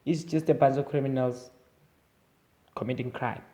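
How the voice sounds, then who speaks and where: A man's voice: mid-range voice, fairly even intonation, normal speed, warm tone. A young South African man with an Eastern Cape accent, giving his opinions in a casual, rambling vlog monologue full of fillers and restarts. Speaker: vlogger.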